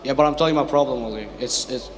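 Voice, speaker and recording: A man's voice: mid-range voice, quick pace, slight background noise. Hesitant man asking from an audience. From Iraq. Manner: hesitant, many fillers. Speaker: audience questioner. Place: lecture hall audience.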